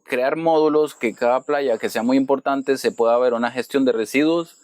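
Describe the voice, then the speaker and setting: A Costa Rican man speaks in a loose, conversational podcast style at an average male pitch. He stumbles over small words and repeats them while hunting for the right phrase, in a dry, close recording. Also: moderate pace, a little mellow, no room sound. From Costa Rica.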